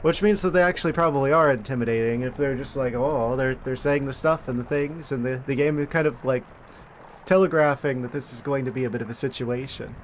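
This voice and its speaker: A man giving casual, wry gameplay commentary as a streamer, thinking out loud. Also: medium pitch, fairly quick, slight background noise. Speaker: game streamer.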